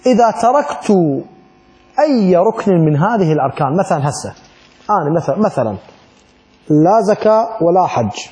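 A man's voice: high-pitched, dark tone. A middle-aged man with an Iraqi Arabic accent teaching a religious law class, asking the students questions and acting out little exchanges. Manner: asks the class rhetorical questions and acts out little dialogues. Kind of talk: classroom lesson on Islamic law.

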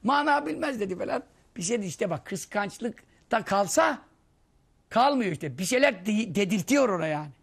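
A man with a high, gravelly voice gives a relaxed religious lesson in speech. He tells stories and mimics the people he quotes, jumping in pitch and loudness as he goes. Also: moderate pace. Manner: storytelling, acting out quoted voices, lively swings in pitch and loudness. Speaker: Islamic preacher teaching hadith. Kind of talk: conversational religious lesson with anecdotes.

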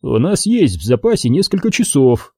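A man voicing a calm, wise older male mentor, measured and steady, in an audiobook. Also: medium pitch, breathy edge, no room sound, clean studio sound.

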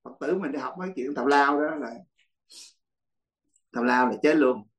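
A man's voice: mid-range voice, moderate pace, poor audio. A man, a Buddhist monk, teaching a dharma class in a blunt, teasing way and laughing often.

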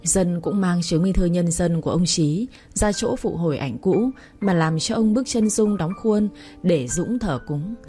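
A woman narrating a story in a calm, even storytelling manner. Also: on the low side, a little slow. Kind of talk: storybook reading. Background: faint music.

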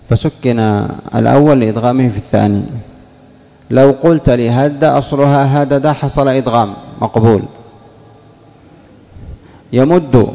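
Man teaching a grammar class, asks and answers himself, mellow tone, long hall echo. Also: mid-range voice. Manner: asks questions then answers them, drawing out example words slowly. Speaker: sheikh teaching Arabic morphology. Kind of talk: classroom lesson explaining word roots.

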